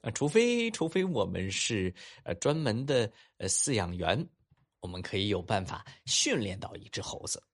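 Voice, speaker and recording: Husky-voiced man telling a children's story. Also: on the low side, normal speed. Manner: animated, warm-toned coaxing asides to kids.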